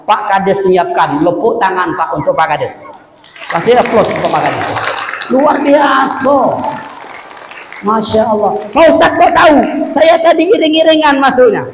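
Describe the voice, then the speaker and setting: A man preaching a humorous village sermon with a South Sumatran Malay accent, shouting and crying out for emphasis between jokes. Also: high voice, a little hiss or hum. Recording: echoey hall, long reverb.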